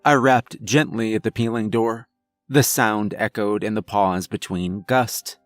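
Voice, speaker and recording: A man reading a scary story aloud in a measured, dramatic way. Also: lowish voice, steady tone, no echo, soft background music. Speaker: narrator. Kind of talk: scripted horror narration.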